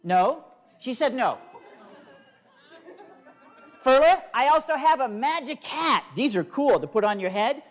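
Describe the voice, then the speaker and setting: A man's voice: extremely high pitch, animated, a little slow, long pauses, a faint crowd. Playful man, a kids' stage magician. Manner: playful, coaxing showman addressing small children in simple phrases. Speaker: children's comedy magician. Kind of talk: live stage show patter for kids, talking to volunteers and audience.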